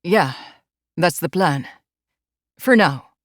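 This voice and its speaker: A woman voicing a gentle, confident adult male alpha with a soft, smooth, lightly teasing manner. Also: on the low side, expressive, slow pace, no echo, studio quality.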